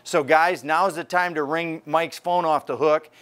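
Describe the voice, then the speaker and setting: A man's voice: fairly high pitch, steady tone, unhurried, fairly bright tone. A man in his sixties hosting a fishing report, talking energetically to camera from inside a tackle store.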